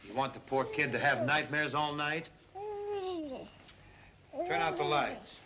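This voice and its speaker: An actor playing an easygoing young cab driver with a breezy, coaxing way of talking, on a dull old 1930s film soundtrack. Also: male voice, fairly high pitch, measured pace, heavy background noise, lightly acted.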